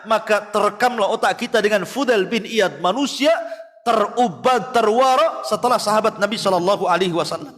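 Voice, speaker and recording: High-voiced man preaching in a hall. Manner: animated, acts out voices of the story. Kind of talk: sermon storytelling. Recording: long reverb of a hall.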